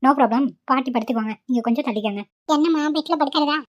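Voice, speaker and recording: A woman voicing a calm, reassuring female doctor in a cartoon, speaking quietly. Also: high voice, quick pace, lightly acted. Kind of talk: cartoon voice acting. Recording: muffled lo-fi recording.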